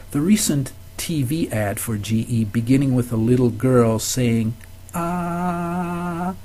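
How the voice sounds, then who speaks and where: An older man giving a recorded course lecture, telling anecdotes in a measured, instructive way. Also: medium pitch, darkish tone, slightly rough.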